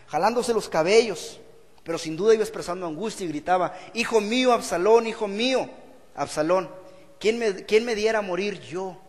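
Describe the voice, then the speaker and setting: A man's voice: sits high, big-room sound. A male pastor preaching an earnest sermon and repeating phrases for emphasis. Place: church hall.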